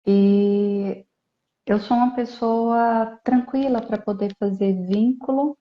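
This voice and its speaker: A woman therapist, a guest in a live online interview, explaining her clinic work in a calm, steady way. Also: fairly high pitch, slow pace. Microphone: video call. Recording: dull, echoey video call audio.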